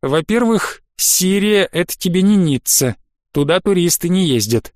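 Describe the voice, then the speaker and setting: A man's voice: sits high, lively intonation, moderate pace, a little mellow, no echo, studio quality. A man voicing a patient, wry middle-aged father who explains things good-naturedly. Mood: explaining.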